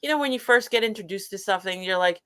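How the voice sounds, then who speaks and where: A woman in a casual chat as a guest, telling a lab story with lively acted-out quotes and many restarts. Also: medium pitch, fast, smooth.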